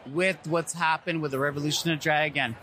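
A middle-aged man who performs in drag talks frankly and with emphasis in a relaxed interview in a convention green room. His voice is on the high side, steady in tone, a little fast and sharp, and there's a slight hiss or hum on the recording.

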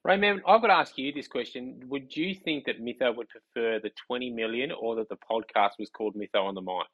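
A man's voice: medium pitch, fairly quick, muffled recording. An Australian man co-hosting a podcast, putting questions in casual, blunt and joking banter. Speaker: podcast co-host asking questions.

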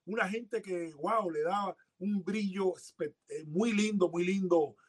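High husky-voiced man, emphatic. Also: unhurried. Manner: emphatic, exhorting, repeats words for stress. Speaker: podcast co-host. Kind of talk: casual boxing chat.

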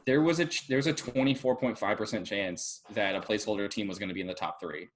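A man's voice: fairly low pitch, fast. Chatty, laughing man on a podcast. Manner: chatty, laughs often, works through details out loud. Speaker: podcast co-host. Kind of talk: casual sports chat.

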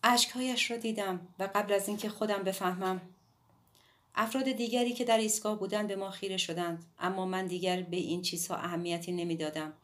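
A woman narrating a novel as an audiobook in a calm, measured reading. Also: medium pitch. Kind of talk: scripted narration.

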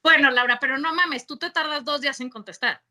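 A woman's voice: high-pitched, brisk, sharp tone. A Mexican woman co-hosting a podcast, chatting casually with heavy slang and often laughing as she tells stories. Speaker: podcast co-host. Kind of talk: casual chat.

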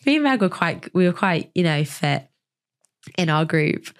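A woman hosting a podcast in casual chat, her voice weak and husky because she is poorly. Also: on the low side, animated, unhurried. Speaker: podcast host.

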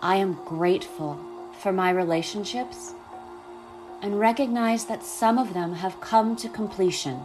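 Soft, slow, soothing woman guiding meditation. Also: medium pitch, music in the background. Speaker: podcast host and meditation guide. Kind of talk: guided meditation.

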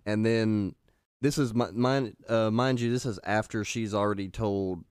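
A man's voice: lowish voice, steady tone, measured pace, a little mellow, clean tone, dry recording, clean studio sound. A man co-hosting a podcast in loose casual chat, swearing and saying "bro". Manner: loose, profane, says "bro" a lot. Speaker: podcast co-host.

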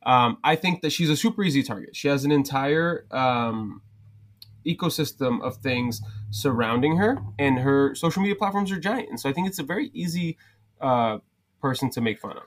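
A man's voice: mid-range voice, animated, moderate pace. A young adult man, a podcast guest, chatting casually into a headset, rambling with many restarts and fillers. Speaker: podcast guest, cocktail content creator.

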